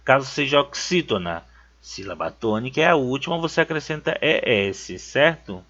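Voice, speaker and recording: A man's voice: medium pitch, animated, normal speed, fairly bright tone. A man from Brazil teaching a grammar lesson for an exam, emphatic and checking in with "certo?" as he repeats key words. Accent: Brazilian Portuguese. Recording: dull lo-fi sound.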